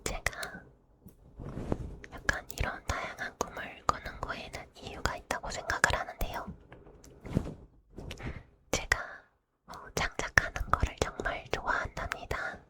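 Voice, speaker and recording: A woman speaks entirely in a breathy whisper, as in an ASMR video. She chats casually and politely, addressing her listeners softly as the host. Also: a little slow, pauses often.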